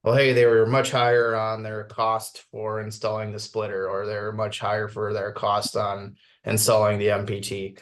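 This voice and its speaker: A man's voice: fairly low pitch, monotone, normal speed, hardly any pauses. A man at a town committee meeting explaining technical details in a plain, matter-of-fact way.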